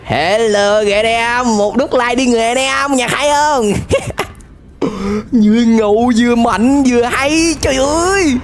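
A man gives excited reaction commentary, often shouting and dropping English exclamations. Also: very high-pitched, a little slow, soft background music. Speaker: YouTuber reacting to an animated series.

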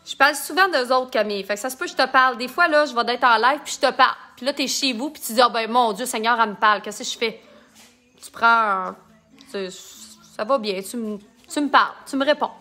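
A woman's voice: sits high, fairly quick, pushed and bright, soft background music. A woman with a Québécois accent, chatting and joking while she demonstrates makeup in a casual live tutorial and reads out viewer comments. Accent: Québécois French. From Quebec.

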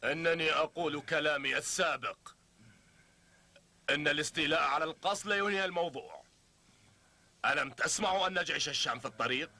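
An actor dubbing a stern official in a historical drama, who speaks in a cutting, insistent way. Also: male voice, on the high side, fast, pauses often, sharp tone, heavily acted. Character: stern male official pressuring a prisoner.

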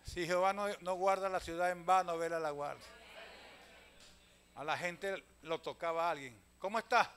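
A man, a pastor telling stories in a sermon, swinging from loud calls to hushed asides and often addressing listeners as brother. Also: high-pitched, fairly even intonation, normal speed, smooth. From Venezuela. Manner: storytelling preacher, swings from loud calls to hushed asides, keeps saying "hermano".

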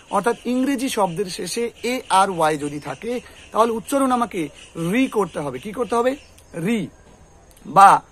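A man's voice: high voice, a bit bright, a little hiss or hum. A man teaching English pronunciation, repeating words and quizzing a student. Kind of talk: tutoring lesson with a student.

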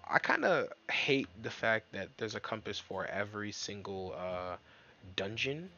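A man giving casual, jokey let's-play commentary, excitable and swearing, talking to himself and his viewers. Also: lowish voice, a little slow, highs cut off, a little hiss or hum. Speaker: gaming YouTuber. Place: dark room at home.

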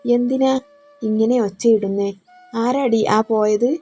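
A woman's voice: fairly high pitch, fairly even intonation, takes it slowly, slightly rough, soft background music. Woman voicing a furious jealous young man. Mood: angry. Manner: accusing, shouting.

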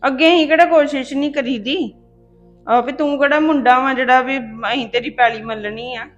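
A sharp-tongued, sarcastic housewife scolds her sister-in-law, played by an actress. Her voice sits a little high, and the recording is dull with faint music underneath. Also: fairly even intonation, brisk, lightly acted. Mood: scolding. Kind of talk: comic family drama.

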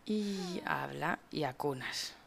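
A woman's voice: sits low, expressive, slow pace, creaky, a crowd in the background. A woman from Spain giving casual, chatty let's-play commentary, exclaiming and talking to the characters in her game. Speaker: gaming YouTuber.

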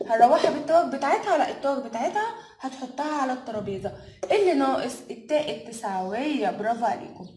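A woman's voice: sits high, darkish tone, echoey room. A woman with an Egyptian accent, a kindergarten teacher giving a review lesson, drawing out words in a sing-song way for young children. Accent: Egyptian Arabic.

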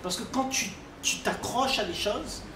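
An older man speaking at a public dialogue in a library, calm and teaching, often checking he is understood. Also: extremely high pitch, measured pace. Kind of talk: spiritual dialogue with audience. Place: library reading area, indoors. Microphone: far room microphone. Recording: echoey room, distant mic, noisy.

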